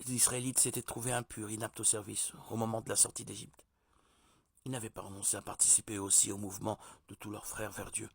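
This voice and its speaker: A man giving a measured, deliberate religious teaching, like a sermon. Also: lowish voice, creaky, slightly rough, dry recording. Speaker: preacher.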